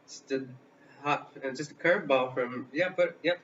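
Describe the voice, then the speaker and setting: A man in his thirties rambles through a comic chat as co-host, full of fillers, halting restarts and detours. His voice is bright and forceful. He sits far from the mic, so the sound is dull and lo-fi, with a faint hiss behind it. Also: mid-range voice. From Illinois, US Midwest. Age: 30s. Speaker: co-host of a live vlog.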